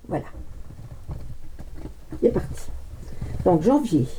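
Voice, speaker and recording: A woman's voice: mid-range voice, dark tone, a little hiss or hum, rough recording. A middle-aged woman doing a casual, rambling card reading, chatting with fillers and laughs and coughing now and then. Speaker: card reader. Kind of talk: casual tarot reading chat.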